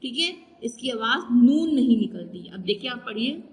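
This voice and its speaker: A woman's voice: a little high, expressive, moderate pace, big-room sound, poor audio. A woman teacher giving a recorded class lesson, patiently spelling out letters and drawing out each sound.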